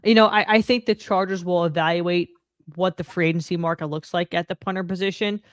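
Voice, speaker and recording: A woman's voice: on the low side, steady tone, fairly quick, no echo. Female sports podcast co-host, blunt and stat-minded, dry close sound. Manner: blunt, dismissive, stat-driven. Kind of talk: casual sports chat.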